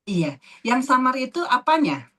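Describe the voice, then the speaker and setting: A woman teaching a tajwid class, patiently asking students questions and repeating terms slowly. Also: sits high, sing-song, a bit bright. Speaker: Quran recitation teacher.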